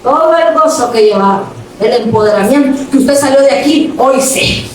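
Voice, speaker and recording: A woman preacher with a high, swooping voice delivers a playful, dramatic sermon, acting out little everyday scenes and calling out to her brothers in the pews. She sounds far from the microphone in a very echoey church hall, with faint room ambience behind her. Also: lively intonation, moderate pace, slight background noise. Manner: addresses the congregation directly as brother. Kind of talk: lively Pentecostal sermon.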